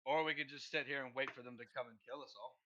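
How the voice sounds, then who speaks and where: Blunt, sarcastic male player, bright sharp voice on a dull mic. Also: medium pitch, steady tone, fast, slight background noise. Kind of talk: casual tabletop game chat.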